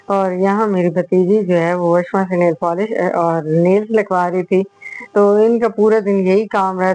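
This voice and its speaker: A middle-aged woman talking over her family vlog in a chatty, unhurried way, pausing on long drawn-out fillers. Her tone stays level with little rise and fall. The sound is dry and close, with no room around it. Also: lowish voice, dark tone, dry recording, low-quality recording. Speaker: vlogger, host. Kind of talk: home vlog voice-over narration. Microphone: voice-over on a small clip-on mic.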